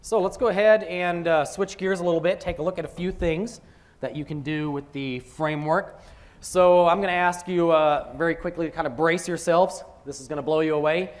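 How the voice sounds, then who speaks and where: A man presenting software at a conference, talking through a live demo with joking asides. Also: on the high side, a little fast.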